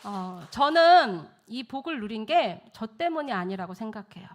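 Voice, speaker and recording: A middle-aged woman, a missionary speaker, telling a lively testimony story at a church service, acting out the people she quotes and laughing often. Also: on the high side, normal speed, slight background noise. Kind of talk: testimony sermon.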